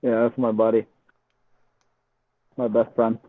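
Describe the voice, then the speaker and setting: A man, a podcast guest, giving quiet, thoughtful answers in a casual chat. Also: mid-range voice, level tone, slow, dry recording. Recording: phone-like call audio.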